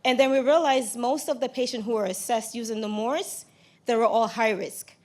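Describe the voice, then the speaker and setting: A nervous woman with a raspy, cold-roughened voice gives a conference presentation into a handheld microphone, in a halting, hesitant way. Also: fairly high pitch, fairly even intonation, a little mellow. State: raspy voice from getting over a cold. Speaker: nurse presenter. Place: lecture room at a podium, indoors.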